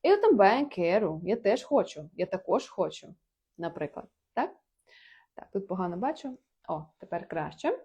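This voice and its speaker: A woman giving a casual online Portuguese lesson in Ukrainian, reading out example phrases slowly and then translating each one. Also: fairly low pitch, very animated, mellow, husky. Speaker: Portuguese language teacher.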